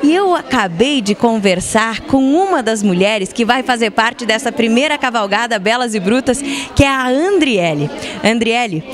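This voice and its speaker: Young female field reporter, chatty and upbeat, handheld mic, busy crowd behind. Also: a little high. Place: indoor hall at a farm event.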